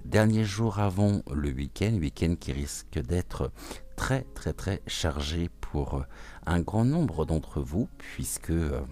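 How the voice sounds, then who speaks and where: A man hosting a gentle morning oracle card reading, talking softly and soothingly with many hesitant pauses. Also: sits low, lively intonation. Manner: hesitant, frequent filler pauses; soft, soothing, welcoming. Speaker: oracle card reader, channel host.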